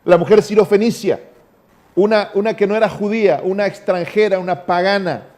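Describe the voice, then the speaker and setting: A male pastor from Argentina with an Argentine Spanish accent, preaching a sermon with emphatic, drawn-out phrases that sink to low, quiet endings.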